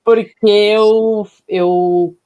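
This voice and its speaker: A woman's voice: medium pitch, fairly even intonation, drawn-out words, warm tone. A middle-aged woman, a physician, telling her personal story as an interview guest in a reflective, emotional way. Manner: reflective, emotional, many tag questions.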